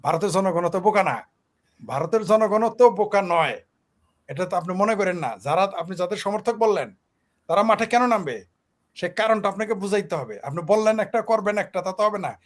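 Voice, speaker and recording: A man argues politics on a talk show, his voice sitting high for a man. He speaks with force and keeps pressing his point through one rhetorical question after another. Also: a little fast. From Bangladesh. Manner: emphatic, fires rhetorical questions. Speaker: political commentator.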